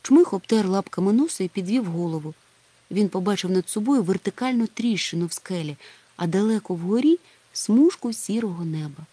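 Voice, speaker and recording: A woman narrating a children's audiobook in a steady storytelling manner. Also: mid-range voice, a little fast, no room sound. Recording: faint music underneath.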